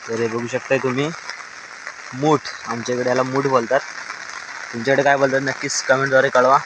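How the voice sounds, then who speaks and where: A man's voice: medium pitch, flat delivery, a little fast. A man with a Konkan Marathi accent, narrating a farm vlog outdoors by the rice paddies, coaxing a child and laughing. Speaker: farm vlogger. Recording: noisy outdoor phone recording.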